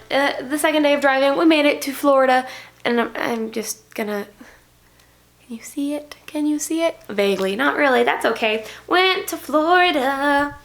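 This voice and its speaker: Chatty, excited young woman vlogger. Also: on the high side. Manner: chatty, excited, rambling with self-corrections. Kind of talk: casual vlog recap.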